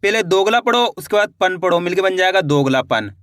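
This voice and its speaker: A man teaching reading online, sounding out each syllable slowly and encouraging viewers to keep trying. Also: sits high, animated, fairly bright tone, no echo, clean studio sound. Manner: spells words syllable by syllable, slow and drawn out; encouraging, addresses viewers as friends.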